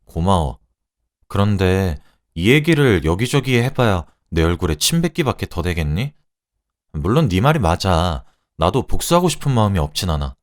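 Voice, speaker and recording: A man voicing a sharp-tongued young wife who coldly mocks her rival, his voice raised in pitch. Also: sing-song, moderate pace. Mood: calm, soft. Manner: cold, cutting, mocking.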